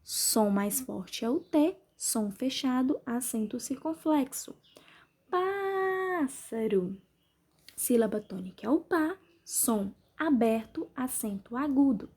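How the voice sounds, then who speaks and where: A woman teacher from Brazil, patiently going through the answers of an exercise for her class and spelling them out slowly. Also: a little high, animated, a little mellow, slightly rough. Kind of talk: remote class lesson, correcting exercises.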